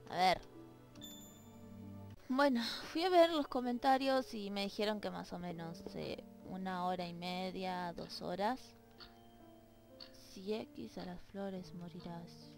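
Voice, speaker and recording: A woman's voice: medium pitch, takes it slowly, vocal fry, long pauses, music in the background. A woman playing a game, reading its lines aloud in silly voices and chatting playfully to its characters. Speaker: let's play gamer. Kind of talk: let's play commentary reading game text aloud. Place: home room with dogs nearby.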